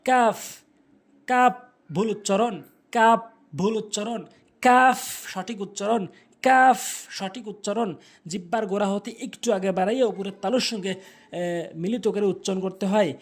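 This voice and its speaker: Male Quran tutor, fairly high voice, deliberate drilling of letter sounds, patient step-by-step explanations. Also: steady tone, darkish tone, husky. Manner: repeats each Arabic letter sound several times, slow and deliberate; explains mouth and tongue placement step by step. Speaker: Quran recitation teacher. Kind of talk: pronunciation lesson.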